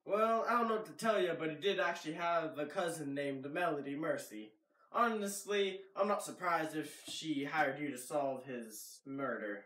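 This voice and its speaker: A man's voice: on the high side, moderate pace, a bit bright, close to an everyday voice. A man playing a veteran police officer, an old friend of the detective, talking in a matter-of-fact, laid-back way in a noir radio drama. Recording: echoey room, distant, music behind.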